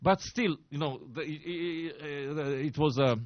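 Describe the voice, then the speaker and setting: Halting Japanese-accented man briefing the press. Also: fairly high pitch, no echo. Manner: halting, many fillers and restarts, grows emphatic. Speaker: press briefer, former diplomat. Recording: dull lo-fi sound, dry.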